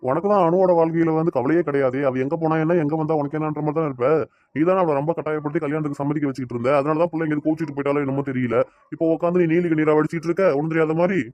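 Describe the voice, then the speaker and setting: A man's voice: fairly high pitch, fairly even intonation, racing, a little mellow, lightly acted. A man acting as a father who brushes off his wife's worries, speaking brusquely in an amateur family web drama. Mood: reproachful. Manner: brusque, dismissive then explaining. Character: calm father hiding daughter's whereabouts.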